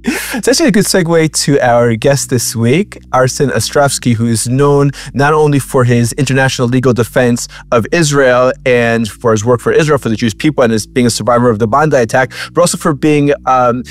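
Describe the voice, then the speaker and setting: A man's voice: mid-range voice, brisk. A man co-hosting a podcast, chatting casually with fillers and restarts, then introducing the show and a guest. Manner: conversational, with frequent fillers and restarts. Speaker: podcast co-host.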